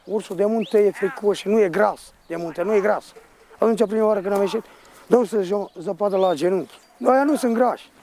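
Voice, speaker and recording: A man working as a shepherd, telling a personal story in a rough, rambling, vivid way. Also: high voice, a little mellow.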